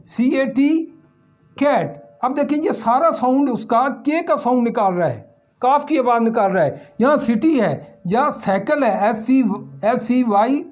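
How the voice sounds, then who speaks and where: A man's voice: extremely high pitch, unhurried, soft background music. A male English teacher giving a recorded lesson on pronunciation, asking questions and answering them himself while repeating the key sounds.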